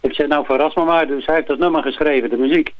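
A man calling in to a radio show, his voice coming through a dull, narrow telephone line. He sits a little above the usual male pitch and keeps the chat easygoing and upbeat. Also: fairly even intonation, fast talker, dry recording. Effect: heard over a telephone line on the radio. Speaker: radio show caller, a singer promoting his single. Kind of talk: casual on-air phone chat. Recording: thin, dull phone-line sound.

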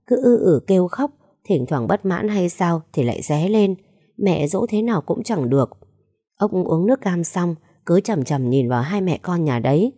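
Audiobook narrator, woman, measured delivery; mellow tone, dry sound. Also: lowish voice, slightly rough, dry recording. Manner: steady, measured storytelling.

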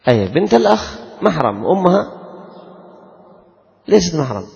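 A man teaching Islamic law to a class, quizzing his students and repeating rules slowly. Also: fairly high pitch, very animated, creaky, darkish tone. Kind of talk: classroom lesson with questions to students. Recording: dull lo-fi recording, long reverb.

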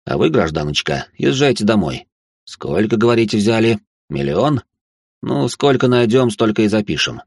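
A brusque, exasperated official with a low, husky voice, read by a male narrator close to his own. The recording is dry and close. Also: big pitch swings, moderate pace, no room sound, heavily acted. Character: gruff official man, Tikhonov.

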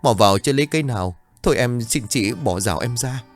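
A man's voice: medium pitch, lively intonation, fast talker, soft background music, natural voice. A man voicing a cowardly young male street thug who sobs, pleads and slips into rhymed verse. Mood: pleading.

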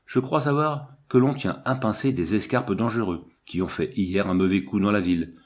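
Casual: guy reading as a fussy little police commissioner, pompous and chatty, kinda low voice, storybook style. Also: normal speed, close to an everyday voice. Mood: bluff, chatty. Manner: chatty, self-important, confiding.

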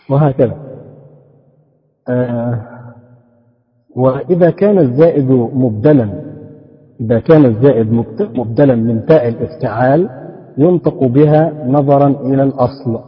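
A husky male teacher gives a slow, patient grammar lecture. He repeats each example several times and puts questions to the class. The recording is dull, with a long hall reverb. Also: mid-range voice.

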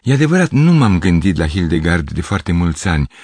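A man's voice: sits low, big pitch swings, darkish tone, no room sound. A man doing a pompous, self-pitying aging piano teacher. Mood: musing. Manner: theatrical, pathetic declaiming.

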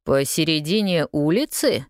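A woman's voice: low voice, expressive, measured pace, no room sound, studio quality. A woman voicing a cocky young street newsboy who talks in a slangy, scoffing, drawling way.

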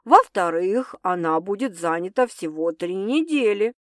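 A woman voicing a calm, self-assured wealthy man who speaks in a measured, slightly condescending way, pitched a little lower than her narration. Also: dry recording, clean studio sound, lightly acted.

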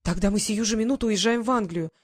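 A woman's voice: medium pitch, quick pace, no echo, close to an everyday voice. A woman reading the lines of a proud, anxious young English lady in an audiobook, with agitated exclamations.

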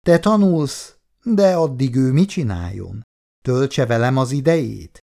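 A woman's voice: extremely low pitch, expressive, creaky, dark tone, voice pushed up, heavily acted. A man reading aloud and voicing a bold young woman who insists and mocks her rival. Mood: brazen insistent. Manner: insistent, mocking, brazen.

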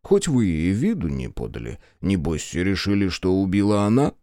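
A man's voice: low-pitched, big pitch swings, normal speed, warm tone, dry recording, studio quality. A man voicing a worried father who talks in a plain, folksy way. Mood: confiding. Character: weary, worried older father, plain-spoken.

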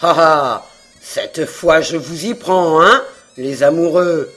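A reader voicing a jovial, booming older fishmonger in an audiobook, loud and full of mock anger. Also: slow pace, soft background music. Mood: mock-angry. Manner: loud, laughing, mock-angry. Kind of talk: audiobook reading.

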